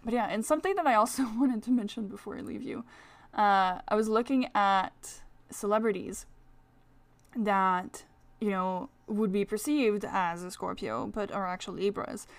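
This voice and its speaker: A woman's voice: medium pitch, moderate pace, no echo. A woman with a French accent hosting a casual solo podcast, talking in a rambling, chatty way full of fillers. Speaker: astrology podcast host.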